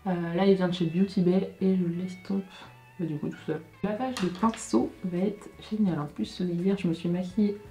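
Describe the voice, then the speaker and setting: A young woman chatting casually through a makeup tutorial, thinking aloud with many hesitations and self-corrections, often dropping into quiet asides. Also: on the low side, steady tone, normal speed. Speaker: beauty vlogger. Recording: roomy echo with faint background music.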